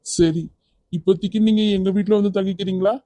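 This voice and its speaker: A performer voicing a kind, persistent young man in a cartoon, firm yet gentle as he coaxes someone to come along. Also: mid-range voice, fairly even intonation, fairly quick, no echo, faint music behind, lightly acted. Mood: gentle coaxing. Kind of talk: cartoon voice acting.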